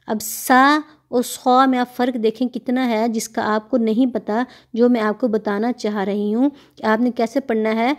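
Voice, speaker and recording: A patient woman with a Pakistani Urdu accent teaches a tajweed lesson in a slightly high voice. She explains how each letter should sound and then recites the verses slowly, drawing out the vowels. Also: flat delivery.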